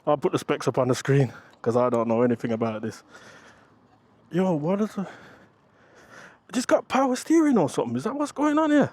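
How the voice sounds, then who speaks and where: Riding his motorcycle on the road, a British man with a fairly high voice talks at normal speed, pausing often, in casual, slangy, excited commentary. There's no room sound, just wind on the action camera mic along with engine and traffic noise.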